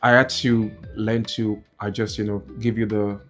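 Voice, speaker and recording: A young man raised in Nigeria talks casually with his wife about married life, pausing often with "you know". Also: lowish voice, flat delivery. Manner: hesitant, many "you know" fillers. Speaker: co-host, husband. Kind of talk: casual couple chat. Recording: soft guitar music behind.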